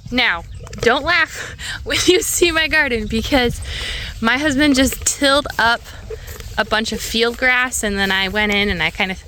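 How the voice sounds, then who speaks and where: A chatty young woman talks straight to her phone camera in a casual, upbeat vlog. Her voice sits a touch high, and loud background noise runs under the phone recording. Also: a little slow. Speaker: author and vlogger. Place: outdoors on a lake island.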